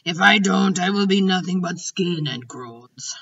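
A woman's voice: lowish voice, lively intonation, measured pace, a bit bright, slightly rough, full character voice. A woman voicing a big friendly giant with jumbled speech. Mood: pleading. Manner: jumbled grammar, grand and emphatic. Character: big friendly male giant, kindly, muddled words. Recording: dull distant recording.

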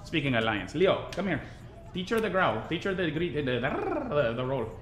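A man's voice: a little high, big pitch swings, moderate pace, echoey room, noisy background. A man playing a bossy, teasing restaurant manager who mixes in Spanish. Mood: playful.

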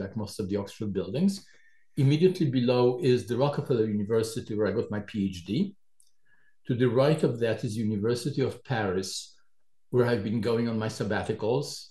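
An older man from Poland, a professor giving a measured university lecture introduction with dry asides, in a large lecture hall. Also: mid-range voice, darkish tone. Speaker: professor co-leading a lecture series.

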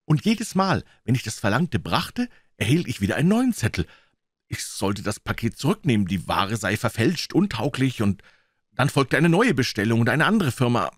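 A man's voice: mid-range voice, big pitch swings, normal speed, no room sound, clean studio sound. A man voicing an old, loyal male servant who speaks in an urgent, pleading way in a storybook reading.

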